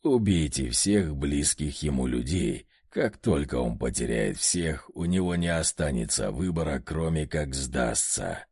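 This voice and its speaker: A man's voice: animated, darkish tone, breathy edge, no room sound, clean studio sound, exaggerated voice. A man doing a hissing demon-possessed old man. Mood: menacing. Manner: grating, hissing, slow and low.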